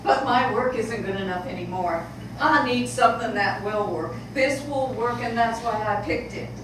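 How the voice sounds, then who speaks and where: A woman acting the part of a weary adult daughter in a stage play, speaking in a calm, measured, resigned way. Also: on the high side, close to an everyday voice. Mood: resolute. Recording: echoey hall from far off, background noise.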